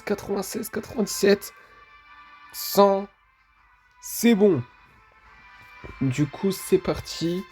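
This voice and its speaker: A man's voice: sits high, darkish tone. A man, casually commenting on a mobile game while opening rewards, hesitant and full of fillers. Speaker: gaming video creator.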